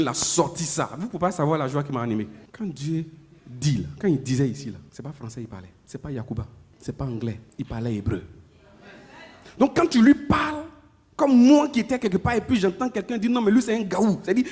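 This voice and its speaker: A man preaches a sermon in a slightly high voice. He talks to the congregation in a chatty way and repeats his points often. His delivery swings from loud, emphatic peaks down to low, murmured asides. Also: expressive, fast. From Ivory Coast. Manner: conversational, with many repetitions and asides to the congregation.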